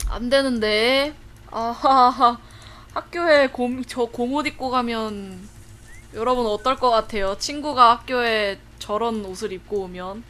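A young woman streaming a life-sim game, chatting to viewers and breaking into excited laughing shrieks. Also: on the high side, measured pace. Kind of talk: casual livestream commentary.

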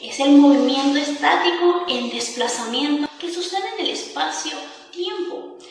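A woman's voice: high-pitched, recorded from a distance. A woman in her twenties from Panama, a university student presenting a class video and reading a prepared explanation. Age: 20s. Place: small room indoors. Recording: echoey room, background music.

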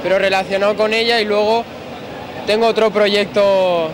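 A young man with a fairly high voice talks in a laid-back, slangy way about tattoos. He speaks into a handheld mic in a large expo hall. Clear convention-hall noise runs behind him. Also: fairly even intonation, moderate pace, a crowd in the background. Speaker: tattoo artist, interviewee. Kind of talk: casual chat. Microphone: handheld interviewer mic.

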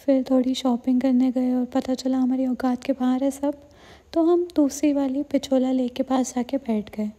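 A woman's voice: high voice, fairly even intonation, normal speed, dark tone. A young woman narrating a travel vlog in voice-over, telling the story in a dry, wry way. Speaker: vlogger.

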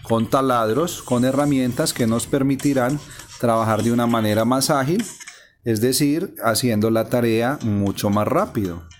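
A man calmly narrating a phone game walkthrough step by step. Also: mid-range voice, normal speed, slight background noise. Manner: explains step by step, calm and methodical. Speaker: gameplay narrator. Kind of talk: casual screen-recording walkthrough. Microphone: voice-over on a phone screen recording.

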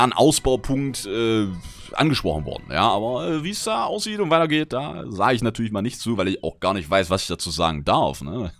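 A man from Germany chatting casually while streaming a game, reading out chat messages and swinging between grumbling and excited outbursts. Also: mid-range voice, no echo. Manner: reads out chat messages and answers viewers. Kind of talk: casual livestream gameplay chat.

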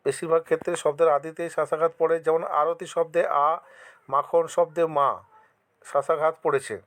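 A man with a West Bengal Bengali accent, teaching an exam-prep lesson. He reads out each question, then answers it with examples. He speaks to his students directly and encourages them, in a somewhat high voice. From West Bengal, India.

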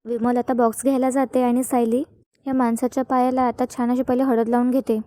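A woman narrating a recap of a TV serial episode, linking the scenes in a steady storytelling manner. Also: a little high, fairly quick, dry recording. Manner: steady storytelling with frequent "now" links.

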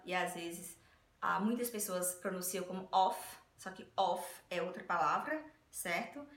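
Brief: female teacher, bright and slightly high, upbeat casual lesson, echoey room. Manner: upbeat, explains step by step with frequent checks like "tá?". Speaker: English teacher. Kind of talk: casual video lesson on pronunciation.

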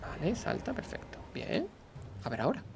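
A man with a Spanish accent from Spain hosts a gameplay reaction, chatting and explaining as he watches. His voice sits somewhat high for a man. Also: huge pitch swings, normal speed, creaky, a little hiss or hum. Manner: chatty, explains and laughs along. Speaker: reaction host.

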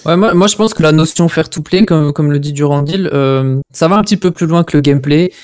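A man's voice: a little high, a little mellow. Man chiming in on a gaming panel. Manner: quick agreeing interjections. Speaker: panel guest. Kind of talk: casual panel chat.

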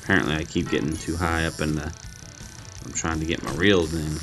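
A man whose voice rumbles low speaks a little fast, casually chatting through a mobile game he's playing and reviewing. He thinks out loud and makes fun of his own mistakes, while faint game music sits behind him.

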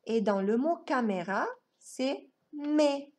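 A woman teaching young children a phonics lesson, enunciating each word in a slow, exaggerated sing-song way. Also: high voice, lively intonation, darkish tone. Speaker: preschool teacher.

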